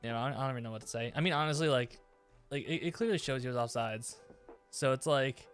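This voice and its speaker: A man's voice: medium pitch, fast talker, faint music behind. A man chatting casually on a live stream, rambling with many fillers and restarts.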